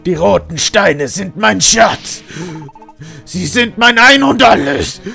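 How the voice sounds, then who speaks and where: Man doing a slow menacing mine-lord Pokémon. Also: sits high, lively intonation, gravelly, bright, forceful tone, soft background music, pitched above the performer's own voice, heavily acted. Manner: slow, drawn-out threatening delivery.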